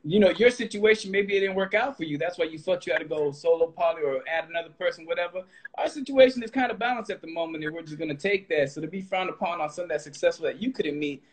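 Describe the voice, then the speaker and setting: A husky-voiced man in his late thirties hosts a laid-back interview. His voice sits high for a man, and he talks loosely, tripping over repeated words before finding his point. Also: fast, hardly any pauses. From Texas. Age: 30s. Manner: loose, animated, repeats words when starting. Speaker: host. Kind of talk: casual interview chat.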